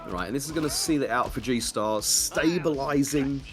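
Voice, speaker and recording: A man's voice: mid-range voice, normal speed, music in the background. A man giving color commentary on a fighting game match, wry and joking, full of technical analysis.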